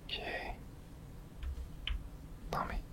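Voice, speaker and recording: This person whispers breathy, laid-back video game commentary ASMR-style, drawing out words while thinking aloud in short bits near the microphone.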